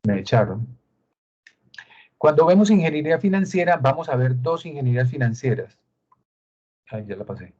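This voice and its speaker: A man's voice: medium pitch, darkish tone. A man with a Colombian Spanish accent gives a screen-share tutorial, explaining step by step and asking rhetorical questions. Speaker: instructor. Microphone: video call. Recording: dull lo-fi video call audio.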